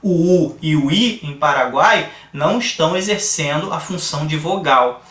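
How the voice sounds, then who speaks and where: A man with a Brazilian Portuguese accent teaching a grammar lesson, explaining slowly and asking the class rhetorical questions. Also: fairly high pitch, fairly bright tone, far from the mic. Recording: echoey room, voice a bit off-mic.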